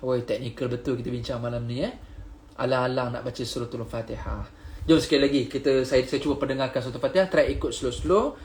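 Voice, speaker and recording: A Malaysian man teaching Quran recitation live, patiently explaining pronunciation and chanting verses slowly. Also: mid-range voice, steady tone, a little mellow, echoey room, slight background noise. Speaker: religious teacher.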